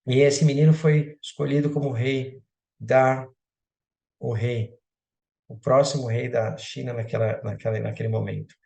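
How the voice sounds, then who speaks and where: A man telling a story to a group in an animated way. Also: mid-range voice, normal speed, creaky. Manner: animated storyteller, frequent restarts. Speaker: speaker at a community talk. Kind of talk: storytelling talk. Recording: roomy echoey room.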